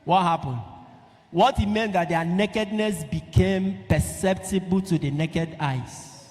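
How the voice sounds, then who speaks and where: A man preaching a sermon, emphatic, asking the listeners questions and rising to loud peaks. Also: unhurried. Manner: emphatic, asks the audience questions and rises to loud high peaks. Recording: long hall reverb.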